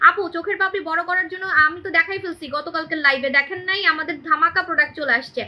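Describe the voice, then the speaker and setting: A young woman hosts a live-stream sales pitch from home on her phone, repeating her points emphatically and checking in with "right?". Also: steady tone, very fast, pushed and bright. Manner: emphatic and repetitive, keeps asking "right?". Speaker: online shop host selling beauty products. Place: indoors in a room at home. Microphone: phone camera on a live stream.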